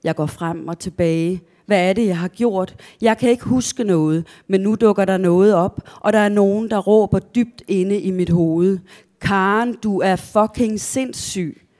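A woman reading aloud from her own prose in a measured, deliberate way after a short spoken introduction. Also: medium pitch, darkish tone.

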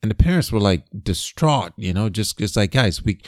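A man from Nigeria co-hosting a casual chat, animated and swearing as he acts out quoted voices. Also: lowish voice, moderate pace, no room sound, clean studio sound.

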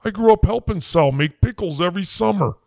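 A man's voice: high-pitched, animated, brisk, gravelly, darkish tone, dry recording, studio quality. A man playing a blustering, folksy quack doctor, rambling in a comedy sketch. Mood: boastful. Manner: rambling, brash, folksy slang.

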